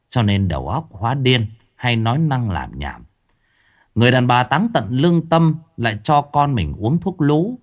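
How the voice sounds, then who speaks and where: A man narrating a ghost story aloud in a dramatic storytelling manner. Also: medium pitch.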